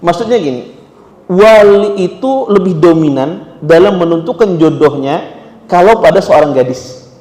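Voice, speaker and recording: A man with a Banjar Indonesian accent preaching in an animated, conversational way, with local phrases. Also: sits high, measured pace. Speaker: Islamic preacher. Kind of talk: sermon. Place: prayer room. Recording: echoey prayer room, long reverb.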